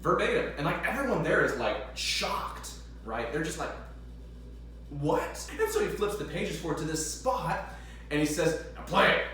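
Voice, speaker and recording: A chatty young man who plays the organ, swearing and humming as he practices, with a lively voice that jumps around in pitch. He sounds fairly high for a man. The room is very echoey and he is well back from the mic, with organ music behind him. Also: moderate pace, recorded from a distance, a little hiss or hum. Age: young adult. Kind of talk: casual practice vlog.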